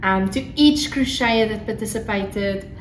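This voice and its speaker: At a normal speed and in a mid-range voice, a South African craft podcaster who grew up speaking Afrikaans gushes in casual solo vlog chat. A crackling fire and faint noise fill the echoey room.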